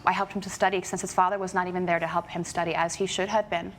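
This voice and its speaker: A woman's voice: fairly low pitch, little pitch movement, fast talker, slight background noise. A woman in her thirties pleading her case as plaintiff in a televised courtroom. She talks insistently and defensively over a faint room ambience. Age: 30s. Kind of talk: courtroom testimony.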